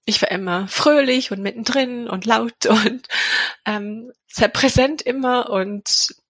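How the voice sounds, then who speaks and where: A woman in her thirties from England gives a hesitant personal testimony in German with an English accent, full of fillers and restarts. She is the mother of a child with a heart defect. Her voice is on the high side, slow and husky, and the recording is dry.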